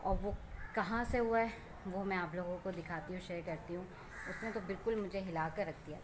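A woman's voice: on the low side, a little fast, noisy background. A woman from Pakistan chatting casually to her viewers in a vlog, telling a story and pointing things out around her. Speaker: vlogger. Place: rooftop outdoors.

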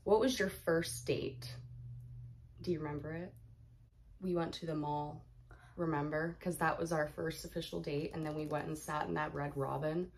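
Low-voiced chatty young woman. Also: steady tone, moderate pace, a little hiss or hum. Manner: chatty, reads questions aloud, laughs often. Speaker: YouTuber, Q&A host. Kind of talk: casual Q&A chat.

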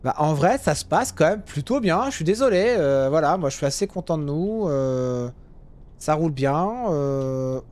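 A man's voice: on the high side, animated, normal speed. Chatty guy narrating his drive. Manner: chatty, jokey, swings to loud yelling at drivers. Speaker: gaming youtuber. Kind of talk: casual gameplay commentary.

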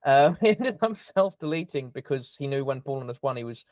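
A man co-hosting a casual history podcast, talking excitedly and tripping over his words. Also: medium pitch, fairly quick, no room sound. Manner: excitable, stumbles and repeats words. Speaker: podcast co-host.

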